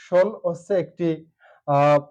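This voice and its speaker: A man with a Bangladeshi Bengali accent, teaching an online pronunciation lesson. He talks hesitantly, with many filler sounds, and spells out syllables slowly. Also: fairly high pitch, fairly even intonation, a little mellow, clear, resonant tone, lo-fi sound.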